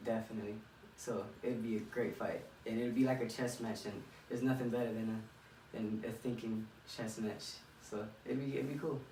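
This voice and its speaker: With a lowish, dark, steady voice at normal speed, a young professional boxer from Miami, United States, talks casually in an interview, thinking aloud and repeating phrases. Faint noise, a distant mic and an echoey room mark the recording.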